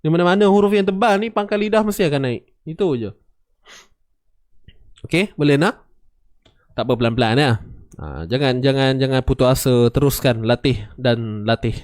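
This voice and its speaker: A man's voice: mid-range voice, normal speed, pauses often, a little mellow, dry recording, studio quality. A man teaching Quran recitation rules, patiently demonstrating and repeating sounds for his students. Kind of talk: tajwid lesson with recited examples.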